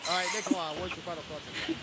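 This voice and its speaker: A man's voice: high-pitched, steady tone, racing, sharp tone, rough recording. Crude joking man hosting a radio chat. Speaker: host. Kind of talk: casual live radio chat. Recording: clear background noise.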